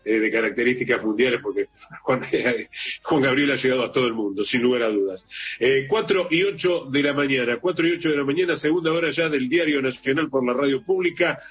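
A man with an Argentine accent hosting a morning radio news show, chatty and relaxed, often repeating and correcting himself. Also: mid-range voice, a little fast, slightly rough. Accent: Argentine Spanish. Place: radio studio. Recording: slightly muffled radio broadcast with faint hiss.

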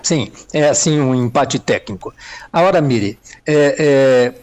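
A man's voice: mid-range voice, expressive, unhurried, darkish tone, no echo. A man from Minas Gerais with a Mineiro Brazilian accent, answering interview questions hesitantly, with many fillers and Spanish words mixed in. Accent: Mineiro Brazilian Portuguese. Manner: mixes Spanish words into Portuguese. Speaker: political analyst guest.

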